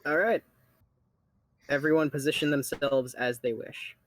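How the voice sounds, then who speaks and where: A man's voice: fairly high pitch, fairly even intonation, a little slow, a bit bright, low-quality recording. A man running a tabletop game as game master, narrating in a laid-back, offhand way.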